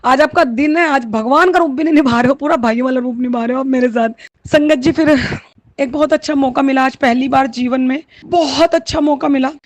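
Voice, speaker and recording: A woman's voice: sits high, a little fast. A woman, sharing a heartfelt, tearful devotional testimony. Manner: tearful, heartfelt, mixes Hindi with Punjabi and English words.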